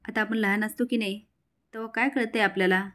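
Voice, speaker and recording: A woman's voice: mid-range voice, steady tone, fast talker, a bit bright, natural voice. A woman voicing a cheerful young village girl who speaks in rustic, countrified speech.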